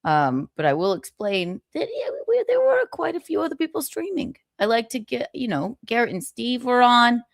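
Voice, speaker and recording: A woman's voice: on the high side, big pitch swings, moderate pace, gravelly, hardly any pauses, no echo, studio quality. A woman hosting a casual gossip livestream, chatting in a sassy, theatrical, giggly way. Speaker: live stream host.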